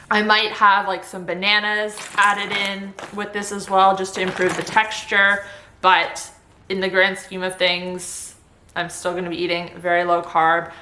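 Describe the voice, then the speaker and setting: A woman vlogger chats casually and upbeat to the camera, sharing tips on recovering from surgery. Her mid-range voice is pushed and bright, and the recording has roomy indoor echo with slight background noise.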